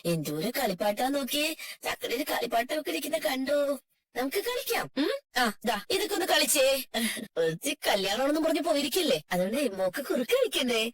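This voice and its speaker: Woman doing a fussy old granny, high and bouncy, coos baby talk, dry close sound. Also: sing-song, fast talker, dry recording. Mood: doting. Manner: coos sing-song baby talk to the child. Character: anxious elderly grandmother, doting then frantic. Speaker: fan dub voice actor. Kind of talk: amateur drama dubbing.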